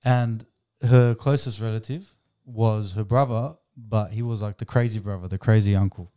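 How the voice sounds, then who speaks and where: A man with a mellow, fairly low voice talks casually in a close, dry sound. He tells jokes in a halting, conversational way. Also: fairly even intonation, smooth, dry recording. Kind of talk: casual chat and joke telling.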